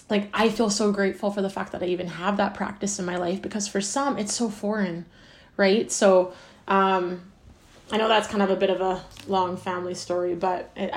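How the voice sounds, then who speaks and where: A woman hosting a podcast interview, chatty and effusive with a lot of fillers. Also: medium pitch. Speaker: podcast host. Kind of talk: casual interview chat. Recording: roomy echo.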